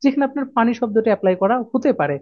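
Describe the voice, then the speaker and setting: A man's voice: extremely high pitch, expressive, racing, dry recording. A man teaching exam vocabulary, who repeats key points and asks and answers his own questions. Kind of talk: explaining a lesson to students. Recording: dull, dry, lo-fi audio.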